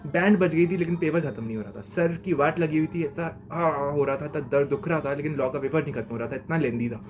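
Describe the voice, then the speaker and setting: A man's voice: fairly high pitch, fast, a little mellow, a little hiss or hum. A young man giving a chatty, slangy lesson of exam tips as a mentor. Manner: chatty and slangy, keeps saying "okay?".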